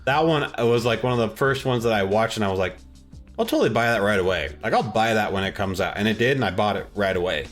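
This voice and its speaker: Recording remotely apart from his co-host, a man talks fast in a voice on the low side, keeping the podcast chat casual, slangy and enthusiastic, with music in the background.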